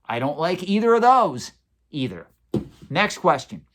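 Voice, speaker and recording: A man's voice: a little high, big pitch swings, measured pace, a bit bright. A man in his forties hosting a collectibles channel, answering viewer questions in a conversational, opinionated and sometimes sarcastic way.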